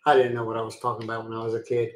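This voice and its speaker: A man from Pennsylvania, USA, hosts a casual live-stream chat from his home in the Philippines, reading viewer comments while rambling, poking fun at himself and laughing easily. His voice is medium-pitched, monotone and very fast, in an echoey room with a little hiss or hum.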